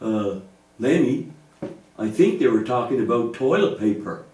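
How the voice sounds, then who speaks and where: A mellow man of medium pitch talks a little slowly, with lively intonation, as the adult partner in a church puppet show. Reassuring and patient, he explains faith to children through gentle scripted lines; the distant mic captures an echoey room and slight background noise.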